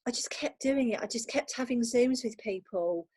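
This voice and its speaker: A woman speaks as a podcast guest from a bedroom at home, the sound dry and close. She is agreeable and reflective, often affirming with a quick "absolutely.". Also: a little high, a little mellow, breathy edge, no echo. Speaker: virtual assistant, guest. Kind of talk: casual chat.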